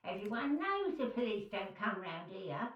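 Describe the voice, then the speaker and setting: A woman's voice: medium pitch, big pitch swings, normal speed, echoey room, far from the mic, dull audio, natural voice. An actress voicing a stubborn elderly woman in a game, scolding visitors from behind a locked door. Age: older.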